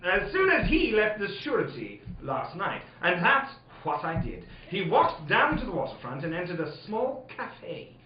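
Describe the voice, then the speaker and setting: A man's voice: high-pitched, huge pitch swings, moderate pace, hardly any pauses. A man playing an eager, goofy doctor sidekick with a silly earnestness in a comedic live radio play. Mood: eager, earnest. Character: eager, goofy doctor sidekick, Holmes's loyal friend Watson. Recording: echoey live hall, dull, audience noise.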